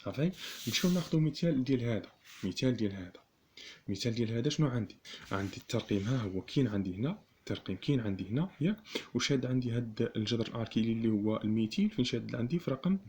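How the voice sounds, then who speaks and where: A man with a Moroccan Arabic accent teaching chemistry, repeating each term slowly and asking the class rhetorical questions. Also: medium pitch, expressive, a little mellow, a little hiss or hum. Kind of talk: classroom lesson explaining notation.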